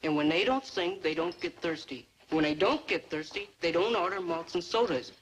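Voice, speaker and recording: A man's voice: a little high, normal speed, a bit bright, natural voice. Nagging, exasperated male parlor owner, played by a man, old TV sitcom, scolding logic, noisy track. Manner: nagging, scolding, step-by-step reasoning. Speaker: ice cream parlor owner. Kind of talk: 1950s-60s TV sitcom acting.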